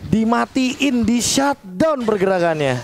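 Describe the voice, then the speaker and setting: A man with a very high voice breaks down a game in casual, slangy commentary. There is clear noise and clicking behind him. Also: animated, unhurried. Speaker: esports commentator.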